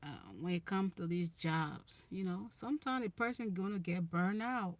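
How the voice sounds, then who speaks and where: A young woman with a Liberian accent, who is from Liberia, speaks at a normal speed in a voice on the low side, with no room sound. Hosting her relationship channel's casual live chat, she answers viewers earnestly and repeatedly restarts her phrases.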